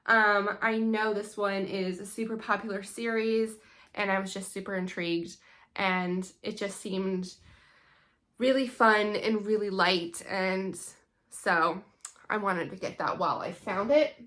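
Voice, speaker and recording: A woman's voice: medium pitch, fairly even intonation, a little slow, a bit bright. A young adult woman chatting casually and enthusiastically about new books for her homeschool shelf, with frequent ums. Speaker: homeschool book vlogger. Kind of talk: casual book haul chat.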